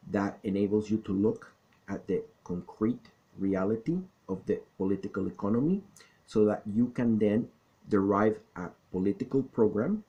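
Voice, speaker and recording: A middle-aged man from South Florida with a Florida accent, explaining things in a deliberate, didactic monologue. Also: lowish voice, warm tone, poor audio. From South Florida, born in the Caribbean. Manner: didactic, deliberate, checks in with "okay?". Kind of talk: explanatory monologue, political talk and recollection.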